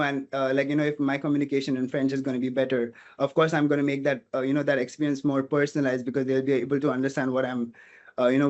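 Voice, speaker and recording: A man from India whose first language is Portuguese, a hospitality student, speaks earnestly as an interview guest in casual conversation, thinking aloud and often saying "you know." His voice is mid-range and darkish, and the recording sounds muffled.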